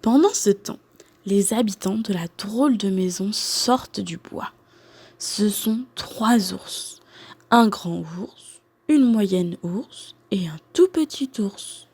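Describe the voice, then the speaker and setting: A woman teacher reading a picture book aloud to children, clearly and expressively. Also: medium pitch, lively intonation, slow, a little mellow.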